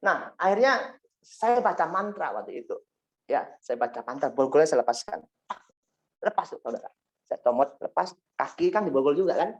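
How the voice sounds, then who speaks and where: In a dull lo-fi recording, a man with a slightly high voice and big pitch swings speaks at a moderate pace, giving his testimony to a congregation. His storytelling rambles, full of asides such as "ya kan" and "singkat cerita".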